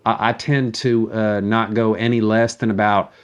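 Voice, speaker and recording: A man's voice: fairly low pitch, flat delivery, normal speed, clean tone, highs cut off. A man delivering a rambling, profane comic monologue, repeating words and stammering as he goes. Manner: crude, foul-mouthed.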